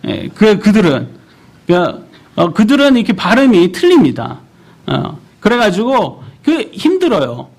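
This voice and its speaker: A man in his thirties preaches a sermon in church, animated and asking the congregation questions as he goes. His voice sits high and is creaky, at a moderate pace.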